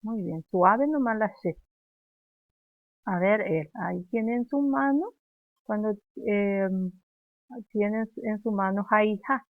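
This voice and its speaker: A woman teacher speaks slowly and patiently, modeling each word for children to repeat. Her voice comes through a thin, phone-like line, close and dry with no room around it. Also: mid-range voice, dry recording. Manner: slow, patient, models words for pupils to repeat. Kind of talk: remote first-grade language lesson.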